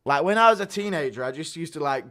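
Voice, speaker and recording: A man's voice: a little high, expressive, fast, fairly bright tone. A man hosting a casual livestream, chatting to viewers with sweary, blunt banter and often breaking into giggling laughter. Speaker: livestream host.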